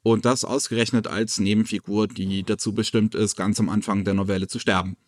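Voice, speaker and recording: A man hosting a casual podcast, presenting anime news in a relaxed, chatty way with plenty of fillers. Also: lowish voice, brisk, no room sound, clean studio sound. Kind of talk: casual chat.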